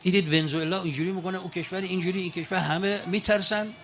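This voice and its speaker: Older male speaker, folksy storyteller, pitched high for a man, faint noise behind. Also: fairly even intonation, a bit bright. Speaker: speaker addressing an audience. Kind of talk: colloquial storytelling speech.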